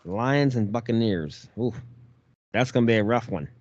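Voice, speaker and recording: A Detroit podcast co-host chats casually about football, animated and playfully teasing. His voice is lowish at a moderate pace, in a dry, lo-fi recording.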